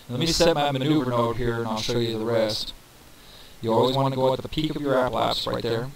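Man with reverb on his voice, walking through a game. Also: mid-range voice. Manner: relaxed, thinks aloud with fillers, counts numbers off. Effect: reverb on the voice from a poor microphone. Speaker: gameplay tutorial narrator. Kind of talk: casual walkthrough commentary. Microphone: cheap desk microphone. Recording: reverby mic with crowd noise behind.

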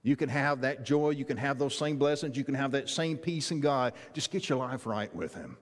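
A man's voice: medium pitch, normal speed. A middle-aged man preaching a sermon from a church stage, earnest and building to emphatic rhetorical questions as he walks about. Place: large church sanctuary. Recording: long reverb of a church hall.

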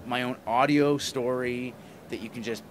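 Inside a small plywood convention booth, a middle-aged man who writes comics and podcasts is interviewed casually, speaking into the interviewer's handheld microphone. His mid-range voice has fairly even intonation and a moderate pace, though he's emphatic, enthusiastic and a bit rambling. Background convention noise comes through clearly.

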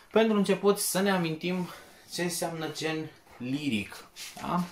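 A man walking students through an exam practice test step by step, often checking in with a quick question. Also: medium pitch, slight background noise. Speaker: teacher. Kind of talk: exam-prep lesson walkthrough. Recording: echoey room.

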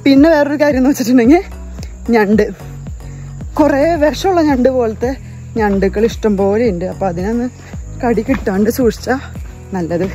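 A woman's voice: a little high, fairly quick, long pauses, dark tone, poor audio. A young woman, narrating a casual travel vlog on a forest trail and talking to viewers as guys. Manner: chatty, mixes in English phrases, addresses viewers as guys. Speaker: travel vlogger. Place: outdoors on a forest trail by a waterfall. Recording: background music under the voice.

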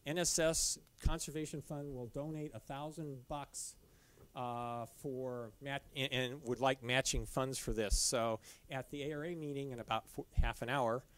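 A middle-aged man from a caving club speaks at medium pitch with fairly even intonation and a fairly bright tone. He's giving an informal slide talk in a dim lecture room, halting and loose, with many fillers and restarts.

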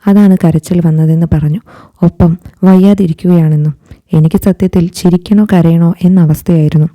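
Calm woman storyteller, dark voice. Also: lowish voice. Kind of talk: first-person story narration.

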